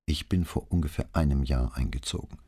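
A male reader voicing a quiet, grieving young female student who answers softly and hesitantly. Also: a bass voice, brisk, husky. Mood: subdued. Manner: soft, barely audible, hesitant.

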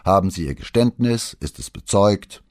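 A man's voice: sits low, expressive, normal speed, darkish tone, pitched above the performer's own voice. A man voicing a pompous, sneering police chief who barely hides his rage, in an audiobook. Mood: angry. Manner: sneering, furious.

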